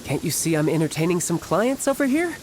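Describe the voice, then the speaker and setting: An actor playing a smooth, playful young harbinger in a video game, breezy, polite and theatrical. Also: male voice, on the high side, sing-song, brisk, darkish tone, slight background noise. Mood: casual, brotherly. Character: smooth, playful young male harbinger posing as toy seller.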